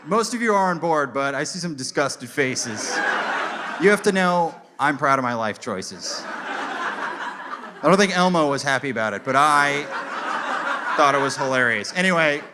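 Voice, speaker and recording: A young man doing a stand-up comedy set on stage, telling a story with animated delivery and deadpan asides. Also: on the high side, moderate pace, pauses often, a crowd in the background, noisy background. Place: comedy stage before a live audience. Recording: live show with loud audience laughter.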